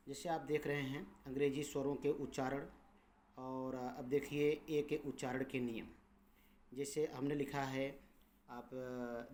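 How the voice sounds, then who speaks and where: A man's voice: mid-range voice, a little mellow, slight background noise. A man teaching English pronunciation as a patient teacher, repeating each word and its meaning. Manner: patient, repeats words and meanings, drawn-out vowels. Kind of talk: slow explanatory lesson.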